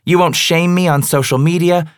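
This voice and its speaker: A man's voice: a little high, moderate pace, no echo, studio quality, voice pushed up, close to an everyday voice. A man voicing a taunting young woman. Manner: taunting, teasing. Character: mocking young woman, cutting and provocative.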